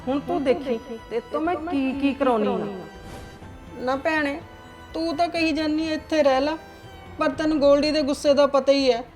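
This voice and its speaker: A woman's voice: sits high, lightly acted. A woman playing a scheming middle-aged aunt in a family web drama, sly and mock-tearful as she stirs trouble.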